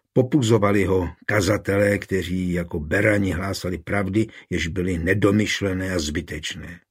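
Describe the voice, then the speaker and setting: Husky-voiced man, measured audiobook narration of a historical tale. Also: fairly low pitch.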